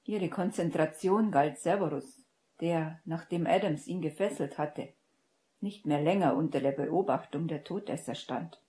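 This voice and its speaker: A woman reading a fan-fiction audiobook aloud as narrator, in a steady, measured way. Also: deep voice. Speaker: audiobook reader.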